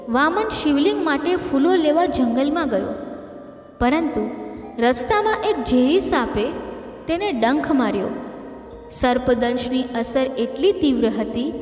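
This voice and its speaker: A woman reading a scripted devotional story in a steady, measured way. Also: sits high. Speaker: narrator. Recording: echoey reverb, faint music behind.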